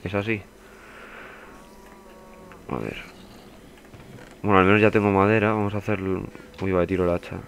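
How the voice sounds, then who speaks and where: A man's voice: low voice, flat delivery, normal speed, vocal fry, long pauses, slight background noise. A young man giving casual, swearing let's play commentary as a gaming youtuber. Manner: swearing, chatty, bursts into panicked yelling.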